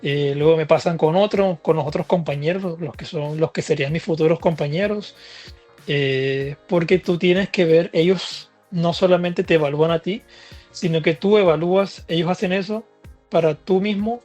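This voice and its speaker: A man, a physician telling his own story in a relaxed, chatty interview, with fillers and restarts. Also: a little high, moderate pace, soft background music. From Latin America. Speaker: guest physician.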